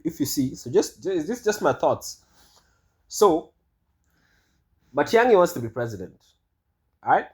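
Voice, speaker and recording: A man's voice: medium pitch, darkish tone. A man giving casual monologue commentary, rambling and hesitant with many fillers and restarts. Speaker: vlogger.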